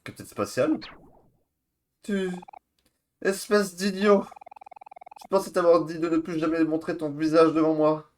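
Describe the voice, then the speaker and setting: A man's voice: fairly high pitch, fairly even intonation, measured pace, pauses often, a little hiss or hum, close to an everyday voice. Haughty woman queen, voiced by a man, theatrical, imperious, video game dub. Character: haughty, vain woman queen who scorns commoners.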